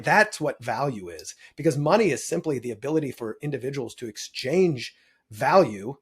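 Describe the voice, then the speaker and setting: A man's voice: mid-range voice, darkish tone, breathy edge. A man talking as a guest on an interview podcast, explaining step by step, punching key words and checking in with "right?". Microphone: video podcast mic.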